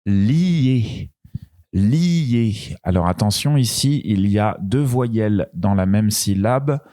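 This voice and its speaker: A man's voice: lowish voice, expressive, dark tone, dry recording, clean studio sound. A man teaching beginners French pronunciation, patient and repeating each sound with care. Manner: patient, repeats each syllable with a drawn-out delivery. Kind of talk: slow beginner pronunciation lesson.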